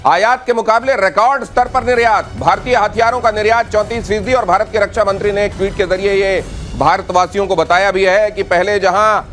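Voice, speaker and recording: A man's voice: high voice, steady tone, a little fast, a bit bright, faint music behind. A man anchoring a TV news debate in a studio, reading bulletins with dramatic, rhetorical flair.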